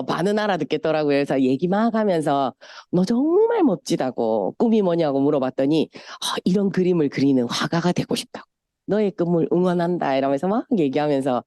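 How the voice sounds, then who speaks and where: A middle-aged woman from Busan, South Korea, speaks with a Gyeongsang Korean accent at a business seminar, giving a chatty motivational talk full of stories and occasional voice mimicry. Her voice is low and warm, recorded clean in a studio with no room sound.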